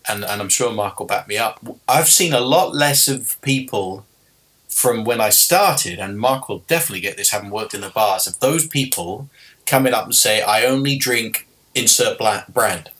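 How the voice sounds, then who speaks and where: A man's voice: fairly low pitch, animated, moderate pace, a bit bright. A man appearing as a podcast guest, telling jokey anecdotes in a casual, storytelling way. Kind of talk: casual interview chat.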